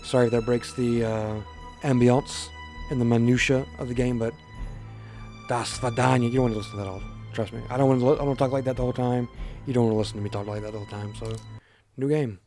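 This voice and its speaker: Mellow-voiced man reading a game aloud. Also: medium pitch, steady tone, fast talker, soft background music. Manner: reads game text aloud in a plain voice, with joking asides. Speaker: let's play host. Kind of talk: casual game reading commentary.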